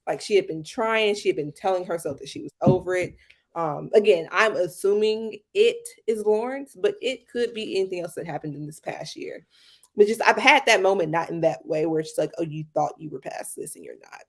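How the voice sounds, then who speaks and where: Speaking briskly in a fairly low voice, this podcast co-host chats casually about a show under review. Her talk is loaded with fillers such as "like" and "um".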